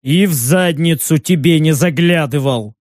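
A man's voice: fairly high pitch, a little slow, no echo, studio quality, natural voice. A man voicing a proud, blustering male patrol leader who argues indignantly in an audiobook.

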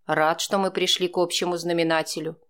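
A woman reader voicing a tired grown man, a father who speaks calmly with a wry, teasing edge, close to her own voice. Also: lowish voice, fairly quick, lightly acted.

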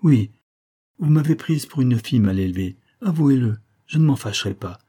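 A man voicing a mischievous, spirited young woman in an audiobook, his voice raised higher, lively and wilful. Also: moderate pace, breathy edge. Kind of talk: audiobook reading.

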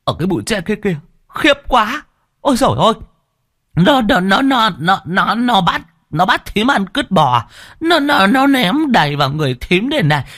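Guy doing a freaked out village lady, high shrieky voice, stutters nonstop. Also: very animated, moderate pace, a bit bright, no room sound, studio quality, full character voice. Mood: terrified. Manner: panicky stammering. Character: terrified village woman, shrieking and stammering.

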